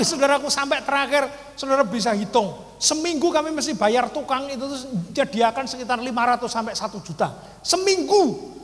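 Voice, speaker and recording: A man's voice: very high-pitched, a bit bright. A male pastor with a Javanese accent preaching a sermon, telling a story emphatically and calling out to the congregation again and again. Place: church hall before a congregation. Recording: long hall reverb.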